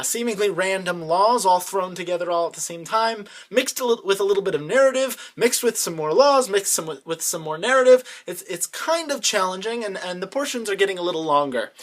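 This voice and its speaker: A young man leading an online congregation, giving an earnest, conversational Torah commentary and often thinking aloud with restarts. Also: fairly high pitch. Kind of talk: casual Torah commentary talk.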